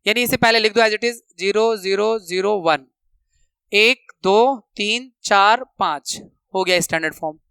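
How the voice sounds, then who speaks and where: A man teaching a maths lesson, counting steps out loud and repeating the rules for students to remember, speaking terms. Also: sits high, a little slow, clear, resonant tone, no echo. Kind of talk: classroom lesson explanation.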